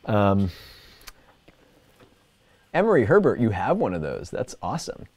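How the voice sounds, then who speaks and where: Speaking from an indoor personal workspace, this livestream host rambles through a playful show-and-tell. His fairly low, slightly mellow voice swoops wildly in pitch at a slightly slow pace. The sound is dry and studio-clean, yet the room recording is clearly noisy with clicks.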